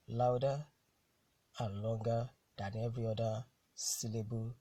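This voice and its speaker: A man teaching an English pronunciation lesson, speaking deliberately, repeating key terms and asking rhetorical questions. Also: mid-range voice, a little mellow, slightly rough. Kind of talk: classroom lecture.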